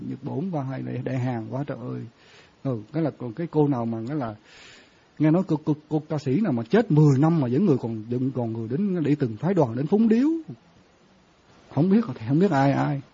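A man's voice: mid-range voice, gravelly, warm tone, breathy edge. A man, a Buddhist monk giving a conversational dharma talk and often quizzing his listeners. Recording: dull lo-fi sound.

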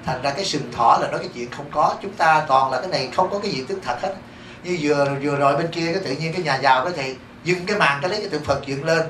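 Monk with a Southern Vietnamese accent, a male teacher preaching in a temple hall; high, quick delivery, echoey room, caught from a distant mic. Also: a little hiss or hum. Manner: lively, keeps asking the audience rhetorical questions. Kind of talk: dharma talk to a congregation.

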